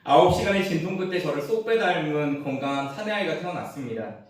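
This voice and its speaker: Animated pastor preaching in an echoey church. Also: male voice, on the high side, quick pace. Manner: humorous storytelling, swings from hushed to emphatic. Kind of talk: sermon. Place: church sanctuary. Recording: roomy church echo, mic at a distance.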